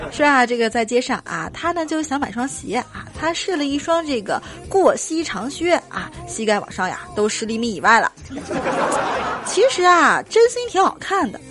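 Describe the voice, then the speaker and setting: Woman comedian, young, animated storyteller, drawn-out phrase endings, lively swooping pitch. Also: over music, a crowd in the background. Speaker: stand-up comedian. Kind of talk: comic storytelling monologue.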